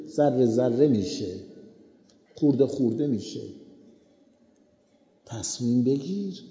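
A man's voice: mid-range voice, mellow. Man preaching in an echoey hall. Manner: slow, repetitive moral teaching. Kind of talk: sermon. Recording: echoey hall, dull lo-fi sound.

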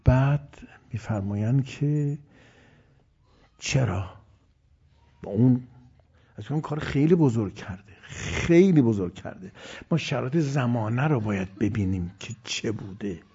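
A man giving a religious sermon, swinging between loud emphasis and hushed, near-whispered lines. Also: medium pitch, expressive, pauses often, husky. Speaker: preacher. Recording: dull lo-fi recording.

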